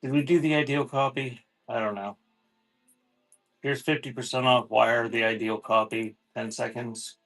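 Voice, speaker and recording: Faint music plays behind a man auctioning cassette tapes on a live online stream. His voice sits in the mid range, a bit bright, with fairly even intonation and a moderate pace, and his patter is informal and unscripted.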